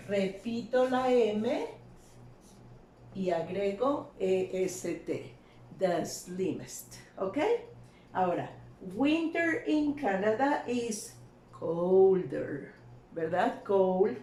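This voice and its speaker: A woman's voice: medium pitch, a little mellow. A woman teaching English grammar in an online lesson, explaining step by step and checking in with her students. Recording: echoey room, faint ambient noise.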